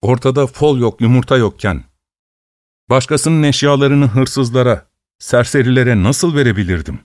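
A man narrating a story in a steady, measured reading voice. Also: medium pitch, no room sound, clean studio sound.

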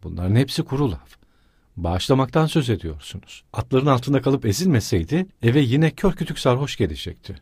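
A man reading the lines of a bitter, consumptive poor mother who lashes out in anger, his own husky voice barely changed. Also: medium pitch, very animated, fairly quick, a little mellow, no echo, clean studio sound, pitched above the performer's own voice. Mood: bitter, furious. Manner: angry, accusing outbursts.

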